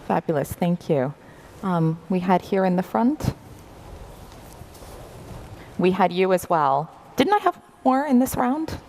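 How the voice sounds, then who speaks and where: A woman moderating a conference panel, brisk and friendly as she takes questions from the floor. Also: fairly low pitch, animated, darkish tone, a little hiss or hum.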